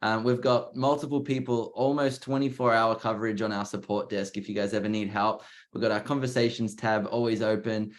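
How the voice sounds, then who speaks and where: Energetic Australian man pitching. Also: fairly quick, hardly any pauses. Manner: energetic, repeats "like" and "just", salesy encouragement. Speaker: co-host. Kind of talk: live webinar chat.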